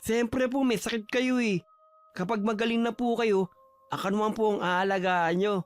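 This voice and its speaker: A man voicing a gentle, devoted son who speaks softly and politely to his mother. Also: sits high, steady tone, normal speed, clean tone, soft background music, natural voice. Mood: tender. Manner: soft, polite, tender. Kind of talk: audio drama acting.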